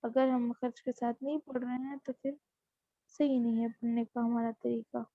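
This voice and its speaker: A woman teaching Quran reading, spelling out syllables one by one and adding quick explanations. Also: fairly high pitch, flat delivery, dry recording, narrow, tinny audio. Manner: spells each syllable slowly, then explains in quick asides. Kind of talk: slow drilled lesson recital.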